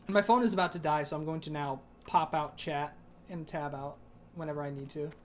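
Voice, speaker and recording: Soft music plays behind a young game streamer whose fairly high voice moves a little fast. Dry-throated, he chats casually and rambles, full of fillers and restarts.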